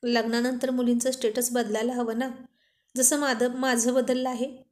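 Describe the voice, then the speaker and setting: A woman's voice: on the high side, flat delivery, moderate pace, a little mellow, lightly acted. A woman reading as a haughty, bragging young wife. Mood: boastful. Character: boastful, proud young married woman showing off.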